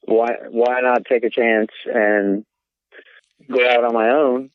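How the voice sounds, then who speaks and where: A man's voice: mid-range voice, steady tone, slow pace, clear, resonant tone, no room sound. A man from South Carolina, a podcast guest, talking in a laid-back casual way and often saying man and dude. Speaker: podcast guest, business owner. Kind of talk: casual interview chat. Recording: tinny phone-like line.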